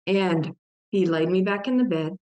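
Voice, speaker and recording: With a mellow, fairly low voice at a moderate pace, an older Texan woman appears as a guest author to recount a personal testimony. She speaks with earnest emotion and brings the story's voices to life by acting out their dialogue.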